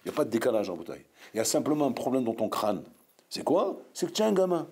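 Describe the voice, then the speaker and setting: Husky rabbi preaching with animated pitch. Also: male voice, fast talker. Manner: lively, scolding, full of rhetorical questions. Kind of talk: sermon.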